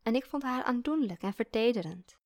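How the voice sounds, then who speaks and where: A woman reading a story aloud in a calm, reflective way. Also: a little high, brisk, no room sound, studio quality. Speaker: narrator. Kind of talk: scripted story narration.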